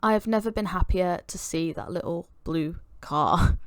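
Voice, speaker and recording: A woman from the UK calmly narrating her hike afterwards in a relaxed, reflective voice-over. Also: fairly low pitch, moderate pace, smooth, no echo, studio quality. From United Kingdom. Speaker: hiking vlogger.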